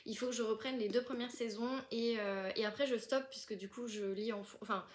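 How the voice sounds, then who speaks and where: A woman's voice: fairly high pitch, fairly even intonation, brisk. A young woman chatting casually through an unboxing, gushing often and full of fillers and restarts. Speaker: book vlogger.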